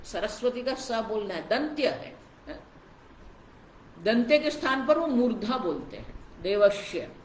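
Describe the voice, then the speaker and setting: A high-pitched woman delivers a slow, explanatory scripture discourse. She keeps drawing her listeners in as she explains. The recording is roomy and echoey, with a faint hum of ambience behind her. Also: sing-song. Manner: explanatory, repeats "ab dekho" to engage listeners. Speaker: spiritual teacher.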